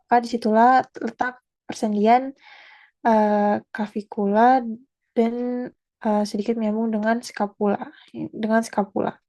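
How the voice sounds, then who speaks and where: A young woman student walks through an anatomy lesson, pausing often and correcting herself mid-word. Her voice sits fairly high but sounds mellow and soft-edged. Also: flat delivery. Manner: halting, with fillers and self-corrections. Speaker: student presenter. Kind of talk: anatomy presentation.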